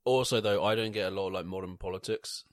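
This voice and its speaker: A man's voice: low-pitched, fairly even intonation, fast, no room sound, studio quality. A young man, co-hosting a casual podcast, joking crudely and acting out scenes. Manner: crude joking, acts out scenes in put-on voices. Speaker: podcast co-host. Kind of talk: casual chat.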